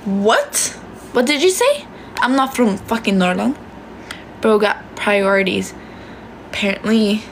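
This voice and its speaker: Young Swedish woman, phone held close, loose and chatty, a bit of vocal fry. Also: medium pitch, lively intonation, slow, pauses often, slight background noise, low-quality recording. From Sweden. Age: young adult. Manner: chatty, swears casually, switches between languages. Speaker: livestream host. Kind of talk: casual chat reading viewer comments. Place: small bedroom indoors.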